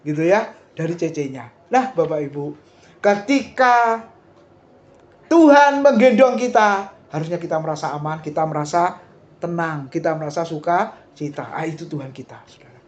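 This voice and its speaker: A man's voice: fairly high pitch, moderate pace. Middle-aged guy w indonesian accent preaching, chatty, asks the crowd stuff, kinda muffled recording. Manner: lively, talks straight to the congregation with asides and questions. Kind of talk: sermon.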